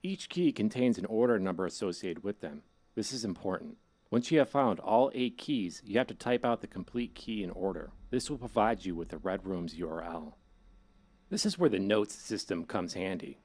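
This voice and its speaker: Man acting as low-voiced casual hacker guide. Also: expressive, normal speed, darkish tone. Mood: instructive, casual. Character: male hacker guide to the deep web, casual and ominous. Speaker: game tutorial narrator. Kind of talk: scripted tutorial narration in a horror game.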